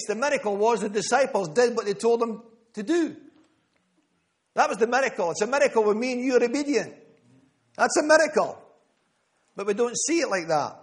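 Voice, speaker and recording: A man preaching a sermon to a room, emphatic, repeating key phrases and calling on listeners by name. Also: sits high. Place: church gathering room.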